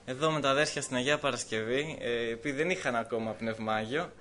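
A man giving a personal testimony in church, telling his story in a lively way with laughs, hesitations and voiced quotes. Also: medium pitch, slight background noise.

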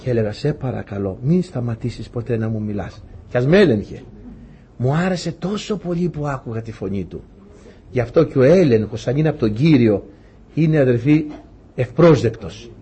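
A man's voice: mid-range voice, animated, dark tone, husky. A man preaching a sermon to his congregation, emphatic, with fervent repeated prayers.

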